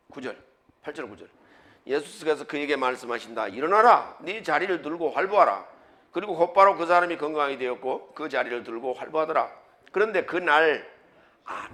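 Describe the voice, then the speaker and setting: A man pastor preaching a sermon, emphatic, with rhetorical questions and sudden loud bursts. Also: on the high side.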